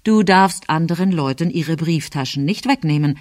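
A woman reading aloud, voicing a calm father who makes dry, gently ironic remarks in a storybook. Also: low voice, normal speed, dry recording, lightly acted. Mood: mildly stern. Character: calm grown man, a father.

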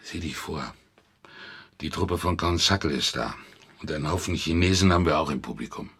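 A nervous, deep-voiced backstage helper. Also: male voice, expressive, moderate pace, fairly bright tone, husky, heavily acted. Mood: cautioning. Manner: cautious and warning. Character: worried backstage helper at a wrestling club.

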